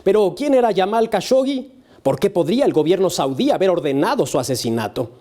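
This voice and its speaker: A man's voice: high voice, sing-song, fairly quick, warm tone. A man presenting a current affairs panel show in a formal television style, as its host.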